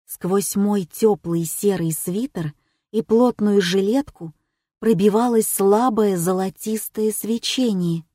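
A woman narrating a first-person audiobook in a measured, calm storytelling manner. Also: mid-range voice, dry recording, clean studio sound.

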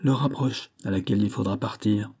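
A man's voice: on the low side, a little fast, warm tone, breathy edge. A man voicing a bold British army captain, a keen hunter, speaking in eager rallying calls. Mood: rousing.

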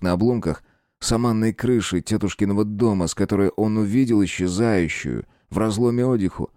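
A man reads a horror novel aloud in a low, dark voice. His delivery is expressive, with a lively sweep of pitch, and the recording is close and dry. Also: dry recording. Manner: expressive and tense storytelling. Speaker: audiobook narrator. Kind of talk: scripted narration.

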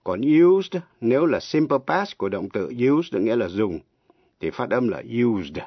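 A man teaching English pronunciation on the radio, slow and deliberate, spelling words out letter by letter. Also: medium pitch, big pitch swings, husky, no echo. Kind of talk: slow radio language lesson. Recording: dull, lo-fi radio broadcast.

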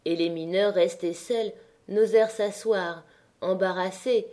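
A woman narrating a classic novel as an audiobook reader, in a measured way. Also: mid-range voice, steady tone, warm tone.

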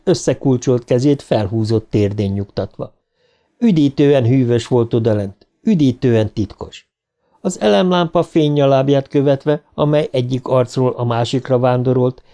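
Mellow-voiced male audiobook narrator. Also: mid-range voice. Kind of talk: scripted novel narration.

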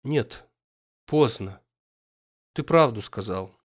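A man's voice: medium pitch, lively intonation, moderate pace, dull audio, lightly acted. A man voicing a proud, hurt young noblewoman who speaks coolly and with reproach. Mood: sad.

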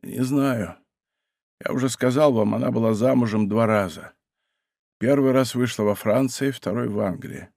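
A man voicing a frightened, dying executioner who speaks in hushed, halting words and then cries out for mercy. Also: medium pitch, vocal fry, no room sound, clean studio sound.

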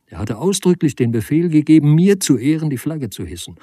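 Male reader doing a frail, stammering man in his forties, pleading in a raised, husky voice. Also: fairly high pitch, very animated, a little fast, dark tone, dry recording, studio quality, pitched above the performer's own voice. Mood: grateful. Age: 40s. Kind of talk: audiobook character reading.

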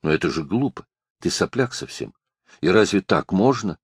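A capricious young acrobat woman who teases and scoffs, voiced by a male audiobook reader. The voice sits low and deep, and the recording is dry and close with no room sound. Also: expressive, moderate pace, husky, dry recording, exaggerated voice. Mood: incredulous. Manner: capricious, teasing.

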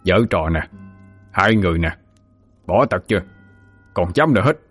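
Man doing gruff old ghost-hunter. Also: deep voice, lively intonation, moderate pace, soft background music. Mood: scolding. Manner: scolding, coarse threats.

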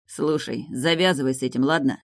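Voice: mid-range voice, fairly quick, no echo, clean studio sound, natural voice. A reader as a frustrated, insistent man. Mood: pleading. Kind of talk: audiobook dialogue reading.

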